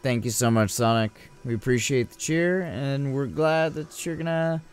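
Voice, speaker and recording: A man's voice: mid-range voice, normal speed, clear, resonant tone, faint music behind. A man hosting a charity gaming livestream, chatting casually and thanking viewers by name. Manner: friendly, thanks donors by name. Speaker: stream host reading chat.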